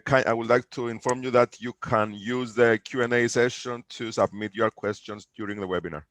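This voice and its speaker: A man's voice: lowish voice, no echo. A man moderating a webinar, hesitant with many fillers.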